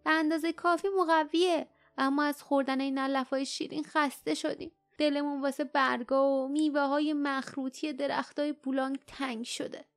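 A woman voicing a gentle, weary mother Kin, a large flying creature, in an audiobook reading. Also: high-pitched, level tone, faint music behind, voice pushed up.

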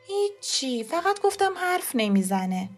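A woman's voice: high voice, sing-song, soft background music. A woman voicing a young mother who is agitated and on the verge of tears. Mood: upset. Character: child's mother, young woman, upset and tearful.

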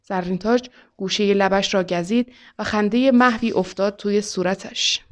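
A woman author reads her own short story aloud in a calm, measured way. Her voice sits at a middle pitch with no marked traits. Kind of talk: story reading.

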